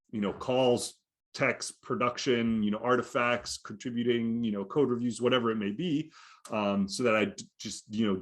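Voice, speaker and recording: A man co-hosting a podcast, chatting casually and explaining things at length, with lots of "you know" and "right?" fillers. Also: on the low side. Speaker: podcast co-host. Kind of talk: casual conversational podcast chat.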